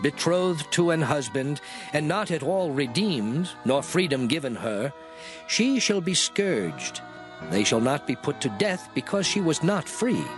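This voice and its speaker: In a dramatized scripture reading, a male actor with a fairly high-pitched voice plays God as a solemn lawgiver. His delivery is measured and declamatory.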